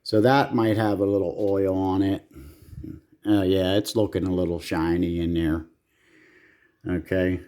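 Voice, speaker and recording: A repair video host with a low, warm voice talks through hands-on fixes in a casual, blunt, salty way, cursing freely as he works.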